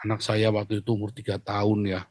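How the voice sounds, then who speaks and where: A pastor hosting a live stream chats casually, preaching loosely, joking around before turning confessional and emotional about his past. His voice is fairly low and a little mellow, delivered completely flat and fast, with no echo.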